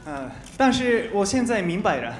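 A man's voice: sits high, sing-song, normal speed. A man in his twenties from Japan, a native Japanese speaker, doing stand-up with a Japanese accent and careful learner's phrasing on a handheld mic. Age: 20s. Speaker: stand-up comedian. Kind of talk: stand-up comedy monologue. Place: large TV studio stage with live audience. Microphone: handheld microphone. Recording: roomy stage sound with audience noise.

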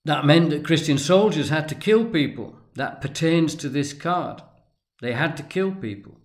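Guy talking through a history lecture, slow and deliberate, lots of pauses and restarts. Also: on the high side, animated. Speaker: tarot and religion commentator. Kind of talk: unscripted lecture.

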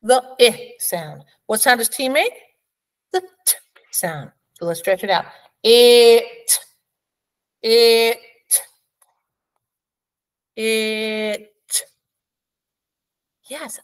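A woman teaching a preschool phonics lesson, sounding out letters and words slowly and praising the child. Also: mid-range voice, animated. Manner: slow, encouraging, sounds out letters.

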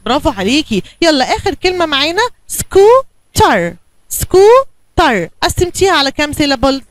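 A woman's voice: high voice, expressive, very fast, a bit bright, no room sound. A woman with an Egyptian Arabic accent teaching young children, coaxing them along and answering her own questions. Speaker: kindergarten teacher. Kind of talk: bilingual classroom lesson for young children.

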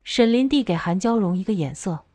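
A woman's voice: mid-range voice, lively intonation, fairly quick, darkish tone, dry recording. Woman narrating a novel, dry close sound. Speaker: audiobook narrator.

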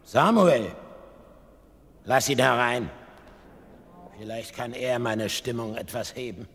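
A man's voice: mid-range voice, slow, a bit bright, long reverb tail, a little hiss or hum. An actor playing an aggrieved, grumpy, embittered king in a radio play, grumbling and commanding. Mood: gloomy, uneasy.

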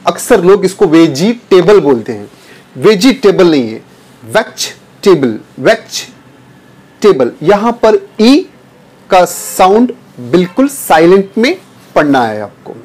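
A man teaching English pronunciation, drawing out and repeating each word slowly and calling his viewers dear students. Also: high voice, big pitch swings, a little mellow. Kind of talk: pronunciation lesson.

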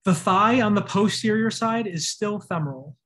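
A man's voice: high voice, normal speed, fairly bright tone. A man giving a recorded anatomy lecture over slides, spelling out and repeating terms and stressing how to pronounce them.

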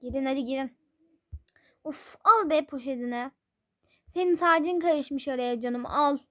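A woman's voice: high-pitched, unhurried, pushed and bright. A woman voicing a fussy, nagging mother in a toy-game role-play, grumbling with sighs. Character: fussy scolding mother of a family.

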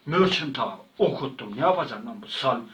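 A man's voice: mid-range voice, animated, moderate pace, a bit bright, far from the mic, a little hiss or hum, low-quality recording. A man telling a rambling comic story in casual slang, often repeating and stumbling over words. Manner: repetitive, slangy, stumbling retelling. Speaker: channel host.

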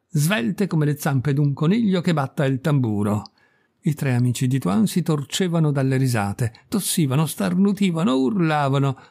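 A man narrating a short story in a lively, expressive reading voice. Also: a little high, vocal fry.

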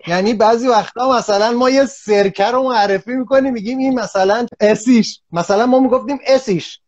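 A man's voice: extremely high pitch, a little mellow, dry recording. A man hosting an interview who asks long, rambling questions in a casual way. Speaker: interview host. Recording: dull lo-fi dry sound.

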